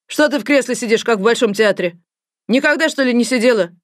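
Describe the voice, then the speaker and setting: Audiobook: a woman doing a loud, rude middle-aged gynecologist who shouts at patients; dry read. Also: mid-range voice, a little fast, no echo, lightly acted. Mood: scolding, shouting. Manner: shouting, scolding.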